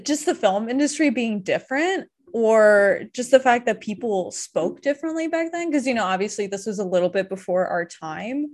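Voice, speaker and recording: A young woman co-hosting a podcast in casual chat, animated, swearing freely and laughing often. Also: on the high side, moderate pace, hardly any pauses. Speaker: podcast co-host.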